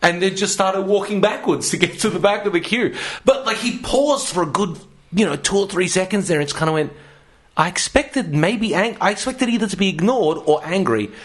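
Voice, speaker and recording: A man tells rambling, sweary stories in a casual comedy podcast. His voice sits a little high for a man, and he laughs his way through the anecdotes. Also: lively intonation, brisk, fairly bright tone. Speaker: podcast co-host.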